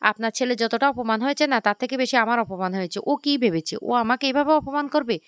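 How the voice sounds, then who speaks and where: A woman's voice: on the high side, quick pace, smooth, no echo, natural voice. A woman voicing a fiery, defiant young woman who scolds everyone around her. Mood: indignant. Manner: indignant, scolding.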